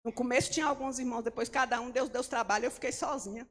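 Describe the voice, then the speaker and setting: A woman's voice: fairly high pitch, fairly even intonation, quick pace. A middle-aged woman missionary giving an emphatic testimony sermon in church, often calling out to the congregation. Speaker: missionary preacher. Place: church hall. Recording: long hall reverb.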